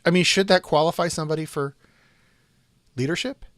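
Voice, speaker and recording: A man's voice: a little high, a little fast, fairly bright tone, no room sound. A man co-hosting a podcast, chatting casually and wryly while prompting the others. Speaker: podcast co-host.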